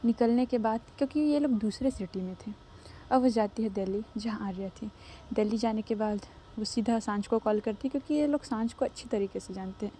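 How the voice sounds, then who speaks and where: A woman's voice: fairly high pitch, fairly quick, warm tone, slight background noise. A woman narrating a love story casually and conversationally, slipping English words in.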